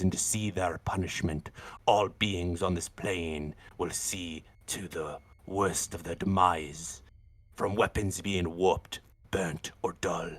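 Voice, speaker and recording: Man putting on a deep, husky, ominous demonic voice. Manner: slow solemn dramatic delivery. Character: ominous demonic male lore-giver warning of hell. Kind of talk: tabletop game scripted narration.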